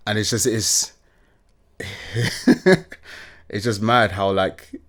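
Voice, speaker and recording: A man's voice: lowish voice, fairly even intonation, extremely slow, fairly bright tone. A young man from the UK, a guest chatting casually and animatedly, often laughing. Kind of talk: casual interview chat.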